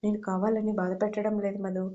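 A woman doing a young man caught between love and duty, speaking in a mellow, even, gentle tone that pleads more than it argues. The audio is a little dull and lo-fi, like a home-recorded storybook. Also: mid-range voice, brisk, natural voice. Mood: pleading.

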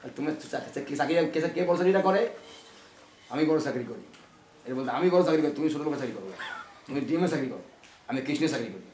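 A man's voice: a little high, quick pace, pauses often, far from the mic, a little hiss or hum. A man with a Bengali accent giving an emphatic sermon as a guru, who keeps checking that his listeners follow him. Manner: emphatic, keeps asking the listeners if they understand; lively, laughs through parts of his talk. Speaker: guru giving a religious talk. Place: temple hall. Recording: echoey hall.

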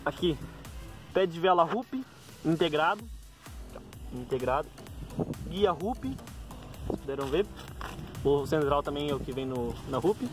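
A man's voice: a little high, animated, unhurried, long pauses, faint music behind. A Brazilian man giving a casual, improvised vlog rundown of gear, informal and correcting himself as he goes, recorded outdoors on a handheld phone. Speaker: bike owner presenting a gear check. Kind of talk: casual vlog commentary, listing parts.

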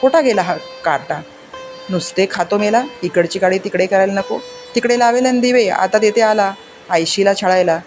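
Storybook figure: overworked village mother, sharp scolding, put on by the narrator; background music. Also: moderate pace, natural voice. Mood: angry. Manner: sharp scolding, raised pitch.

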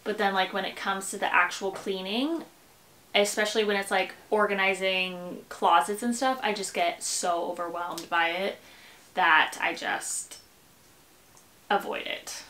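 This lifestyle vlogger, an American woman in her twenties, chats casually indoors at home with music playing beneath. She wanders and interrupts herself, yet her medium voice is bright and forceful, fairly even in intonation and measured in pace, and the bare room echoes.

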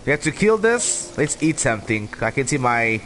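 A man's voice: medium pitch, big pitch swings, moderate pace, a bit bright. A man giving casual, chatty gameplay commentary as a streamer, with a playful manner. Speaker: game streamer. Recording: clear background game noise. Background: game ambience.

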